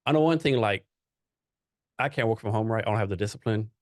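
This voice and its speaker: A male podcast host asks long, wandering questions and keeps checking in with "right?". His voice sits a little low for a man and is recorded close and dry. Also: fast talker, darkish tone, no echo. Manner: loose, rambling questions with frequent "right?" and "like". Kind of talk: casual interview chat.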